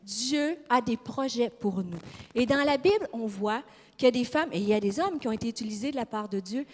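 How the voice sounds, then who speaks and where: A woman with a Québécois accent preaches with fire and emphasis, often putting questions to the congregation. Her voice sits high, and the sound rings with the long reverb of a large church hall. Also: expressive, brisk. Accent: Québécois French. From Quebec. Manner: fiery, emphatic, questions the audience. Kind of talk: sermon.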